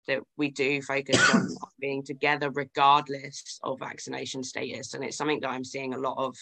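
A woman co-hosting a casual discussion over a video call, speaking in a calm, measured, heartfelt way. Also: very deep voice. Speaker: co-host.

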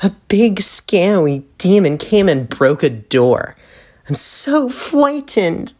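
A woman's voice: medium pitch, very animated, takes it slowly, darkish tone. A woman voicing a sarcastic young female troll in an audio drama, with a mocking way of talking.

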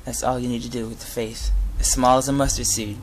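A man's voice: mid-range voice, level tone, brisk, slight background noise, poor audio. Young man giving an informal sermon. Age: young adult. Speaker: inspirational speaker giving a Bible talk. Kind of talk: informal sermon with scripture reading. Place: inside a garage. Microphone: device camera at close range.

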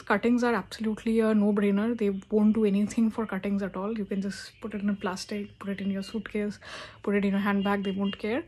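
A woman's voice: medium pitch, slightly rough. A young woman talking casually into a phone camera at home, explaining plant care with frequent hesitations and fillers. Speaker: plant vlogger. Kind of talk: casual how-to vlog. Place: indoor room at home. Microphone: phone camera at arm's length.

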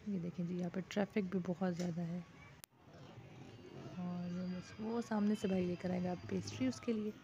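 A fairly low, mellow voice holds a steady tone at a normal speed as this woman from Pakistan talks her viewers through shopping at a bazaar at night and then being at home. The narration is casual and chatty, full of "ji." The recording is dull lo-fi phone audio with a faint wash of street noise.

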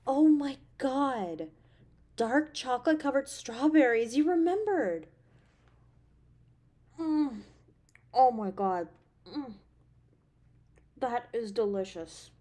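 This intimate roleplay drama features a woman voicing a caring, playful girlfriend with tender, expressive warmth. Her fairly high voice carries delight and affection.

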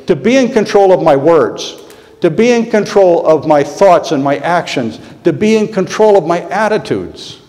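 Earnest middle-aged pastor in reverberant church. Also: male voice, a little high, dark tone. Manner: earnest, heartfelt, repeats key phrases. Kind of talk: sermon. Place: church sanctuary. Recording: long reverb of a church hall.

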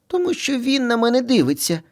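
A man's voice: very high voice, huge pitch swings, a little fast, pitched above the performer's own voice, exaggerated voice. A man voicing two squabbling little boy bunny brothers in a storybook reading, whiny and bickering.

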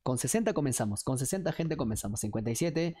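A woman's voice: extremely low pitch, lively intonation, fast talker, mellow, slightly rough. A woman, streaming and chattily coaxing her viewers to join a chat game. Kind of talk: casual livestream chat hosting a chat game.

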